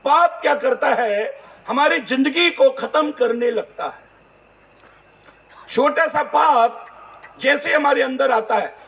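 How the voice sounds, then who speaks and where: Middle-aged male Indian pastor, very high voice, story-driven sermon with voiced dialogue. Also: a bit bright. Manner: storytelling, acts out dialogue, calls to congregation. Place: church gathering hall.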